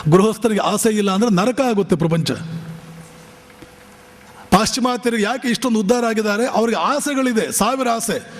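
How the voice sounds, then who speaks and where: A man's voice: sits high, moderate pace, long pauses, in a large hall. A man, a monk, giving an impassioned spiritual class, exhorting his listeners with fiery rhetorical questions. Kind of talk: impassioned Kannada discourse.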